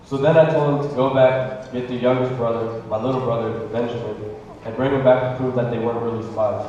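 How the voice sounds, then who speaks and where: A man's voice: mid-range voice, fairly even intonation, a little fast, darkish tone, dull audio, a little hiss or hum, natural voice. An actor playing a man who recounts being reunited with his brothers, telling it earnestly on stage. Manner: earnest, plain storytelling. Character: man retelling his life, forgiving his brothers. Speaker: skit actor. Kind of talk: church stage skit. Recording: echoey hall, distant mic.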